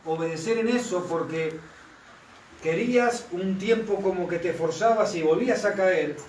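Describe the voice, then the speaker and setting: A pastor delivers a sermon in a fairly high male voice carrying a slight hiss or hum, repeatedly asking the congregation whether they're following him. The room is echoey and the mic is placed at a distance.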